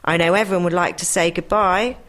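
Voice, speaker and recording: A woman presenting a talking newspaper, reading announcements in a clear, measured way. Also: on the low side, fairly even intonation, fairly bright tone. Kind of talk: read-aloud announcements and joke.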